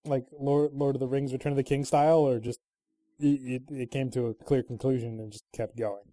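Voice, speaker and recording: Dude running a goofy movie quiz over a call, warm low-key tone, dry sound. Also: male voice, fairly even intonation, brisk, dry recording. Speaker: quiz host. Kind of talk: casual podcast game chat. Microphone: online call mic.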